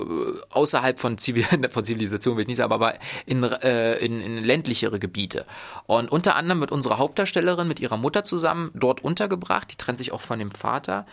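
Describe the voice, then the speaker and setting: A man's voice: medium pitch, animated, quick pace, gravelly, a bit bright. A man casually recapping films he has watched, rambling with many fillers and restarts. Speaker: film reviewer. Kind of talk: casual podcast film talk.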